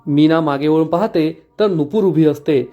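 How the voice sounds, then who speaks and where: A man narrating a recap of a TV drama episode in a steady storytelling way. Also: a little high, moderate pace, muffled recording, soft background music.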